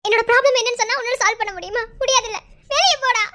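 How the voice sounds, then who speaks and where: A shrill cartoon med student in pain. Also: female voice, fairly even intonation, racing. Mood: snapping. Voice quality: very high, bright girlish voice.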